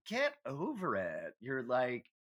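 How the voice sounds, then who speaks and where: With a husky, fairly bright medium-pitched voice, this co-host talks slowly and swings hugely in pitch. His astrology podcast chat is casual and comic, full of swearing and sassy opinions.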